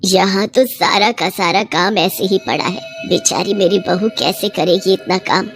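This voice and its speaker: A woman voicing an old mother-in-law who has come back as a witch, speaking low and drawn-out in an animated story, with faint music behind. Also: natural voice. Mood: eerie menace.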